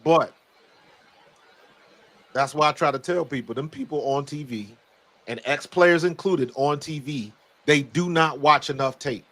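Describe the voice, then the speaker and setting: Hoarse American man, voice nearly gone. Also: a little high, a little slow, pauses often, fairly bright tone. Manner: emphatic, blunt, repeats words. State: hoarse, very little voice left. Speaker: guest football analyst, former pro player. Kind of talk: casual sports talk.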